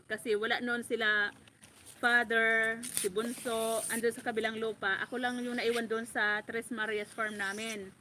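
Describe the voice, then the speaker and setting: A woman from the Bicol region of the Philippines, a farm vlogger, telling a story in a casual, animated way, laughing often and calling her listener by name. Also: on the high side, normal speed, noisy background. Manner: animated, laughs often, repeats a friend's name as she talks.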